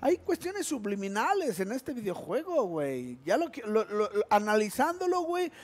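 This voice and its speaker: A man's voice: high voice, huge pitch swings, moderate pace. A man with a Mexican accent doing casual, slangy esports commentary with joking banter. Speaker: esports caster.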